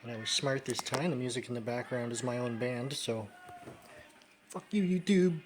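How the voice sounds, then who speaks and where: A man talks casually through a hands-on craft vlog, his pitch sitting in an ordinary middle range. He rambles, trails off and swears offhandedly as he works. The tone is loose and unpolished, like thinking out loud. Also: flat delivery, fairly quick, background noise. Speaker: vlogger. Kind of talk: casual how-to chat while sewing.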